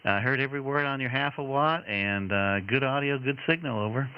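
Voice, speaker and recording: A man's voice: mid-range voice, fairly quick, smooth. A man acting as amateur radio net controller, giving signal reports in encouraging, repetitive procedure talk over two-way radio. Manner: encouraging, repeats himself. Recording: muffled radio audio, loud static.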